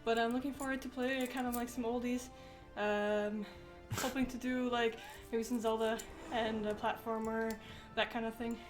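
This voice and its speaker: A woman chatting casually on a live stream, feeling her way through her answers with hesitant fillers. Her voice is somewhat higher than average for a woman, with faint music behind her. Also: level tone, moderate pace. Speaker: guest streamer. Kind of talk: casual chat.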